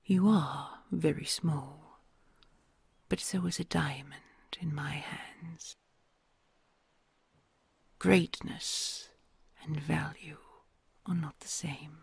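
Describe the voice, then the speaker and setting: Voicing a lonely, kind and solemn dragon queen for an audio roleplay, the woman keeps her low voice in fairly even intonation, heavily acted with no echo. Her tender whisper is gravelly and breathy, slow and soft, with formal courtly wording of an older age.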